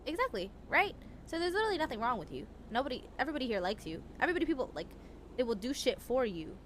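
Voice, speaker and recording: A woman's voice: a little high, big pitch swings, rapid-fire, slight background noise. A woman in an in-character roleplay chat, giving earnest advice full of "like" and restarts. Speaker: roleplayer in a gang.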